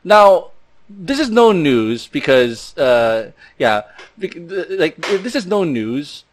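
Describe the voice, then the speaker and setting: A man's voice: on the high side, big pitch swings, slow pace, a little hiss or hum. A man hosting a casual podcast chat, rambling along with plenty of fillers and false starts. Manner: rambling, loose delivery with many fillers and restarts. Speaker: podcast host.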